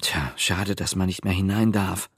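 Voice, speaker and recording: A man's voice: low-pitched, fairly even intonation, moderate pace, husky, no room sound, clean studio sound. A man voicing an eager, self-assured young boy who leads a group of children. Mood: thoughtful. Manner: eager, cheerful, sure of himself.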